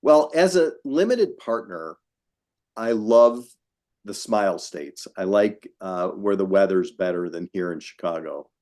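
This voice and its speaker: Older man, very low voice, frank, emphatic, video call interview guest. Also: lively intonation, a little slow, a little mellow. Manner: frank, emphatic, with self-mocking asides. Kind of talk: casual interview.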